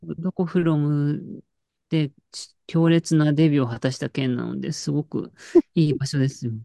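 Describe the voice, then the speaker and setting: A woman's voice: low voice, little pitch movement, a little fast, creaky, warm tone, no room sound. A woman in casual chat, telling an anecdote with lots of fillers and restarts. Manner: storytelling with frequent fillers and laughs.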